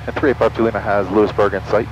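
A student pilot, a man, making brisk clipped radio calls to the tower over his headset from a small plane cockpit. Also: fairly low pitch, level tone, highs cut off, background noise. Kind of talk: radio calls to air traffic control. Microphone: cockpit headset mic.

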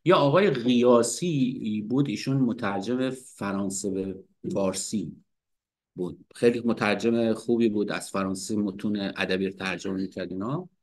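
A man hosting a casual poetry lecture, reciting verses and explaining them in an animated way. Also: fairly low pitch. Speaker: literature teacher and host.

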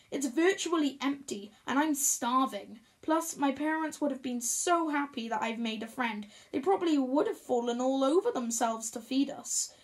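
High-voiced woman reading a story. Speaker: audiobook reader. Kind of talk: first-person storybook narration.

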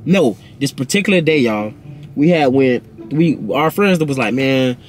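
A young man telling a casual storytime in an animated, rambling, slangy way. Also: a little high, moderate pace, a little hiss or hum. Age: young adult. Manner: animated, rambling storytelling with slangy talk and repeated tag questions. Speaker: vlog host. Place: inside a parked car.

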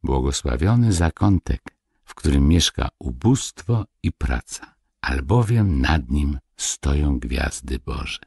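A man voicing a kindly old dwarf king who speaks slowly and with tender dignity. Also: a bass voice, animated, creaky, dark tone, breathy edge, no room sound, full character voice. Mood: solemn.

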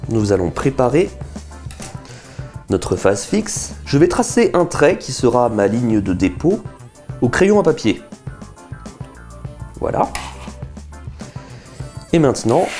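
A man's voice: medium pitch, dark tone. A man in his thirties hosting a science video, explaining and carrying out a chemistry experiment at a desk with an enthusiastic, chatty teaching tone. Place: small indoor room, seated at a table.

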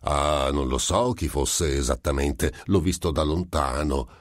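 A man doing a sly, probing gentleman. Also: very deep voice, a little slow, no echo, clean studio sound. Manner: probing, smooth, falsely apologetic. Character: sly, composed male gentleman questioner.

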